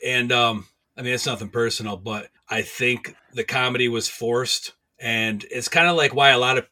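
A man co-hosting a podcast, giving informative recaps and reviews in a casual chat with deadpan jokes. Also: mid-range voice. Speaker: podcast co-host.

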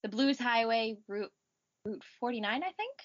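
A woman's voice: a little high, lively intonation, moderate pace. A young woman co-hosting a podcast in a friendly, upbeat, casual way, laughing often. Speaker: podcast co-host. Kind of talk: casual chat. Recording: dull lo-fi podcast audio.

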